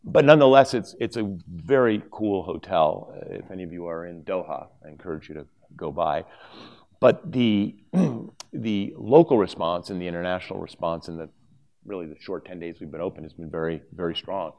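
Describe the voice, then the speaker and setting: A middle-aged man speaks from a lectern on a conference stage, talking through his slides in a relaxed, unscripted way. His voice sits very low, and he often restarts his sentences with filler words. He is picked up by a small lapel mic. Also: moderate pace. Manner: conversational, with many fillers and restarts. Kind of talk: conference presentation.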